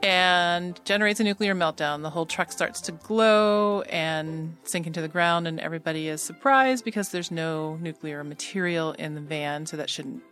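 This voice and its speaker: A woman's voice: on the low side, normal speed, hardly any pauses, fairly bright tone, faint music behind. A woman, a patent attorney, chatting as a guest and retelling a cartoon episode with an amused, laughing manner. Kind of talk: casual interview chat.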